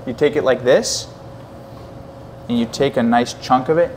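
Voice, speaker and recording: A man's voice: medium pitch, normal speed, a little mellow, a little hiss or hum. A young man co-hosting a casual food mukbang, talking playfully between bites in a restaurant. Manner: playful, exclamatory, talks while eating. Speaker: co-host. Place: restaurant in Toronto.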